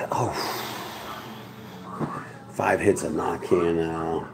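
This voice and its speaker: A man's voice: sits low, poor audio. A man, rambling through a profane, tough-talking monologue to camera. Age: 40s. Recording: crowd noise in background.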